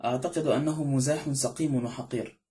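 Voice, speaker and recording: A man reads a doctor in an audiobook who is soothing yet curt. The voice is mellow and dark, barely set apart from the narration. He speaks quickly. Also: mid-range voice, steady tone, lightly acted. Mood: calm. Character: calm, brisk male doctor.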